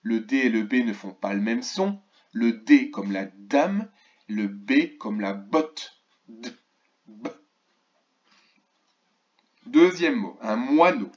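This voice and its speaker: A male teacher records a lesson for young children, stretching out each key word and pausing to ask the absent class questions. His voice sits in a middle range. The recording sounds dull and lo-fi. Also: mid-range voice, expressive. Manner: slow, clearly articulated, stretches key words. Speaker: primary school teacher. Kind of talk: remote lesson for first graders.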